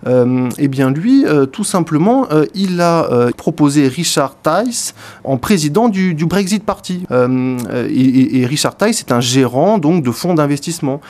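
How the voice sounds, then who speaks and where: A man's voice: fairly high pitch, lively intonation, normal speed, darkish tone. A man giving a radio book review in speech, hesitant, full of fillers and repeated words. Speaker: radio columnist.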